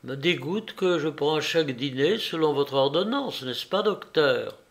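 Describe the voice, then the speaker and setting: A man reading an audiobook voicing a frightened young rich woman who speaks softly and hesitantly. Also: a little high, animated, unhurried. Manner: soft, hesitant and faltering.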